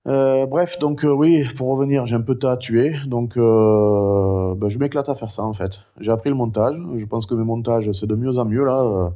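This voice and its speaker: A middle-aged man talking casually in a vlog, rambling and chatty with many fillers; one vocal cord is impaired, so he has no high head voice. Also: normal speed, few pauses, dark tone, dull audio. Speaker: vlogger recounting his cancer.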